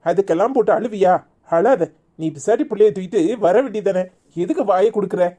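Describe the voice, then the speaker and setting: A woman's voice: mid-range voice, a little fast, warm tone, lightly acted. A woman voicing a young husband in a cartoon, coaxing and reassuring with a Tirunelveli Tamil accent. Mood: soothing. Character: young husband, teasing but soothing.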